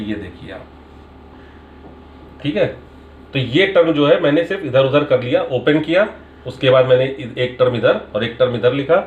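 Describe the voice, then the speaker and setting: A man's voice: mid-range voice, phone-quality sound, slight background noise. A man, a maths teacher, patiently explaining a question paper step by step and mixing in English terms. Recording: echoey room sound.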